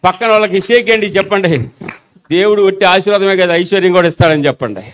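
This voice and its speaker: A man's voice: high voice, very fast. A man preaching a sermon in a Telugu accent, urging the congregation to repeat after him. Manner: exhorting the congregation to repeat aloud. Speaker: pastor.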